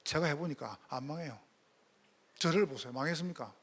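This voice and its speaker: A male pastor preaching a sermon, firing rhetorical questions and swinging between loud emphatic calls and hushed asides. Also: a little high, expressive, fairly quick, slightly rough.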